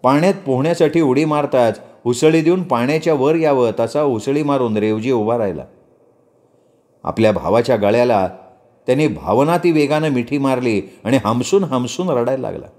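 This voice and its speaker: A man narrating a story in a measured, expressive reading style. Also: mid-range voice.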